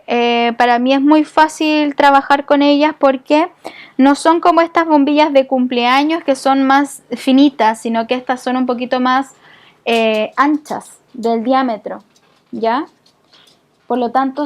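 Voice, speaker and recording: A middle-aged woman, teaching a voice-care lesson to a community group. Her voice sits high, and she explains step by step, checking in with her students after almost every point. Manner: patient, explanatory, frequent check-ins with the class. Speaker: voice therapy instructor.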